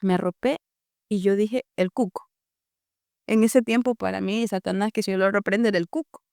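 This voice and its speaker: A young Ecuadorian woman tells her testimony on a podcast, bringing the story to life by acting out the voices of her family. Her voice has a gravelly edge. The sound is dry and close on a studio mic. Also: mid-range voice, fairly even intonation, moderate pace, darkish tone, no room sound. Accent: Ecuadorian Spanish. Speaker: guest giving a testimony.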